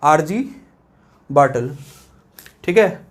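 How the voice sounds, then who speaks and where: A man's voice: fairly high pitch, lively intonation. A man from India giving a classroom math lecture, explaining step by step and often asking students whether they follow. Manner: explains step by step, checks understanding with repeated questions; reads English text from a book very slowly and word by word. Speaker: math teacher.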